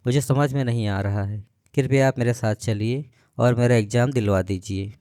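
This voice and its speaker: A man's voice: medium pitch, moderate pace, warm tone, clear, resonant tone, no room sound, close to an everyday voice. A cheerful young sister-in-law who coaxes and jokes with an easy lightness, voiced by a man narrating a story. The sound is close and dry, with no room around it. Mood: coaxing.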